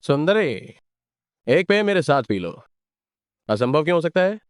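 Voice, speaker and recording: A man's voice: fairly high pitch, a little slow, clean tone, no echo, clean studio sound. A man voicing a teasing young male friend in a dubbed drama, playful and mocking. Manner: teasing, lively.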